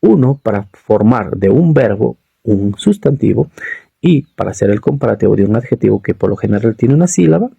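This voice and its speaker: A man teaching English grammar, drilling words by slow repetition and checking in with listeners. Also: fairly low pitch, expressive, vocal fry, husky, dry recording, phone-quality sound. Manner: repeats words slowly for drilling. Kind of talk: explaining grammar to learners.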